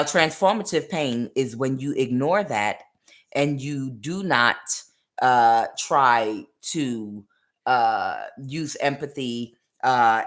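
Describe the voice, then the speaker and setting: Very low-voiced woman reading tarot. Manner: rambling, many "uh" fillers, acts out quoted voices. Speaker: tarot reader. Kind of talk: spiritual tarot reading monologue.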